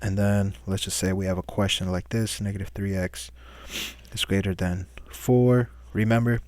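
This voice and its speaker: A man's voice: low-pitched, level tone, moderate pace, darkish tone, dry recording. A man teaching a recorded math lesson, patiently walking through each step and asking questions he then answers himself.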